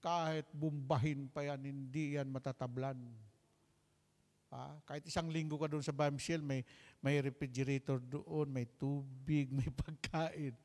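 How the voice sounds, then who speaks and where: A man's voice: mid-range voice, little pitch movement, unhurried, a little mellow. A man preaching a healing sermon, mixing English and Tagalog with jokes and repeated calls for an amen. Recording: long hall reverb.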